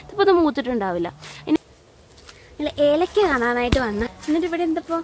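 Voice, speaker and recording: A woman's voice: high voice, lively intonation, fast talker. A young mother chatting in a casual vlog, coaxing her little child and narrating a walk through a cardamom plantation. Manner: coaxing baby talk mixed with chatty narration. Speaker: mother vlogger. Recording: noisy outdoor ambience.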